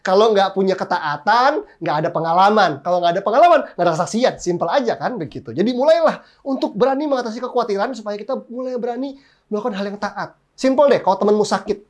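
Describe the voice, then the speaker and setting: Fast-talking pastor telling stories. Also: male voice, sits high. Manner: lively, humorous storytelling with exclamations. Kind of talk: sermon with personal stories.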